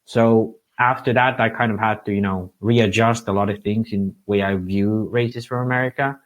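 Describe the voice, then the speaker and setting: A man's voice: on the low side, fairly even intonation, moderate pace. Man, lo-fi podcast co-host. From Finland. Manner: thoughtful, long winding questions. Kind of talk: casual podcast chat. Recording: dull lo-fi sound.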